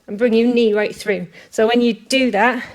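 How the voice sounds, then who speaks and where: A woman's voice: fairly high pitch, fairly even intonation, normal speed, poor audio. A woman leading a bodyweight workout, talking through each exercise while doing it herself, chatty and a bit out of breath. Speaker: fitness coach. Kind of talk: workout instruction. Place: outdoors.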